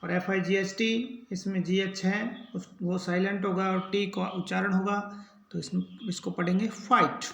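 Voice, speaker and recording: A man teaching English pronunciation in a slow spelling lesson, spelling out each word letter by letter and then repeating how it is said. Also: sits high, little pitch movement, gravelly, fairly bright tone, echoey room.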